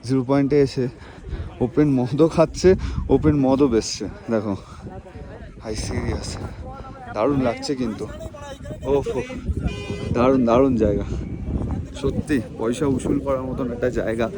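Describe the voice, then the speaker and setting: A man with a Bengali accent vlogging from a snowy mountain pass. He talks slowly and is short of breath from the altitude, with a dry throat, breaking into excited exclamations. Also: mid-range voice, a crowd in the background. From Bengal, India. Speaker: travel vlogger. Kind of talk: casual vlog walk-and-talk. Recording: wind noise on the mic outdoors.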